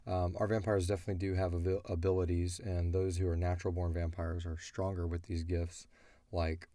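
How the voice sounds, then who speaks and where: A co-host and show creator fields listener questions in a casual chat about an audio drama, rambling informally as he explains things. His low-pitched voice is brisk and dark with little pitch movement. There's no echo.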